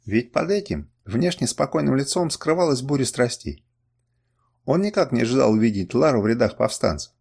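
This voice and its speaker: A man narrates a first-person adventure audiobook. His delivery is expressive and dramatic, and his pitch rises and falls in a lively way. The middle-pitched voice carries the scenes with clear energy. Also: moderate pace. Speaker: audiobook reader.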